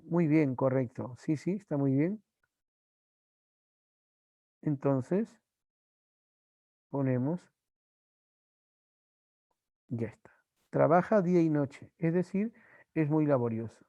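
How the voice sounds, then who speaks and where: A male teacher from Peru giving an online language class, slowly repeating examples and his students' answers. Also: on the high side, dark tone, no echo, dull audio.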